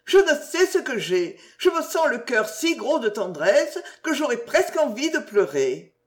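A woman's voice: a little high, animated, takes it slowly, pitched above the performer's own voice. A reader putting on a young woman in love, tender, trembling and near tears, in a storybook reading. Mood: tendre et mélancolique.

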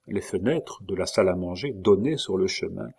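A man reading a novel aloud as an audiobook narrator, with measured, dramatic delivery. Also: low voice, lively intonation, creaky, warm tone, husky. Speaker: audiobook reader. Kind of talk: scripted narration.

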